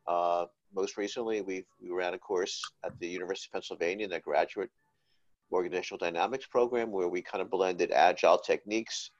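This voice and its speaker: A man's voice: low voice, a little mellow, dull audio. A man with a New Jersey accent speaking as a panelist on a video call, jokey and full of fillers. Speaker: panelist, agile HR coach.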